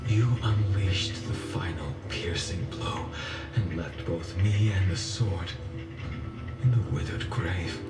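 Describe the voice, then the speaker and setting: In a dramatic video game monologue, a brooding, tormented undying swordsman, bitter and haunted, speaks in a very low voice with slow, grave, deliberate delivery. The recording sounds echoey and distant, under loud music.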